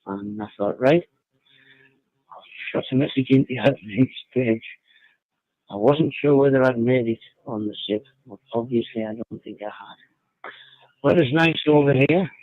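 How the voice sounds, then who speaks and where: A man calling in to an amateur radio net from a holiday hotel room through a phone link, chatting in a relaxed way and signing off with call signs over a tinny radio channel. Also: mid-range voice, unhurried, pauses often, no echo. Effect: tinny amateur radio link, narrow band. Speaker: ham radio net caller. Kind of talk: casual radio check-in chat. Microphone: phone over internet radio link.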